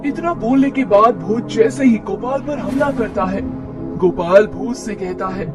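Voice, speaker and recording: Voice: mid-range voice, a little slow. A narrator reading a scripted horror story for a cartoon. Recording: distant voice under loud music.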